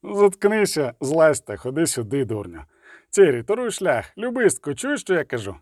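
A man's voice: fairly high pitch, very animated, moderate pace, a little mellow, no echo, studio quality. Brief: terse witcher, short clipped orders, male reader voicing. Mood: impatient. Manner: curt, brusque. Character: gruff male witcher, curt and impatient.

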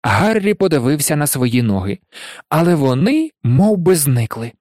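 Man narrating audiobook, lively pitch, fairly high voice, dry close sound. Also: moderate pace, no echo. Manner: expressive storytelling. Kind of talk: audiobook reading.

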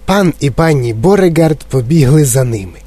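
A man narrating a children's story as an audiobook in a lively, expressive way. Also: fairly high pitch, moderate pace, breathy edge.

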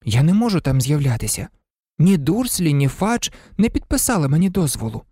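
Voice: mid-range voice, big pitch swings, fairly quick, warm tone, breathy edge, no echo, clean studio sound, pitched above the performer's own voice. An audiobook reader voicing a glum, resigned teenage boy who talks in a sighing, downcast way. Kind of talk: audiobook character reading.

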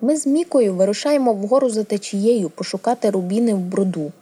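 A woman reading a storybook, voicing a lively, stubborn tomboyish young noble girl with loud, eager exclamations. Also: mid-range voice, fairly quick, slightly rough, lightly acted.

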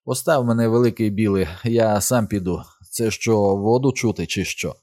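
A man's voice: lowish voice, moderate pace, darkish tone, dry recording, studio quality, natural voice. A man voicing a groggy, crude, wisecracking young man who mumbles his coarse jokes.

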